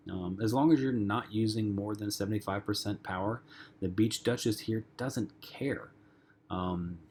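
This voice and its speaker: A man with a lowish voice teaches a flight lesson, talking loosely and conversationally, filling gaps with ums and uhs. A faint hum sits under the recording. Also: darkish tone. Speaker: flight instructor. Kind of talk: lecture-style flight lesson.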